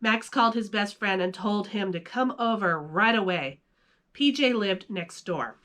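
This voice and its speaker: This video host and storyteller has a medium-pitched, animated voice with a fairly bright tone and an unhurried pace. Her manner is playful and chatty as she moves from casual vlog conversation into reading a children's story.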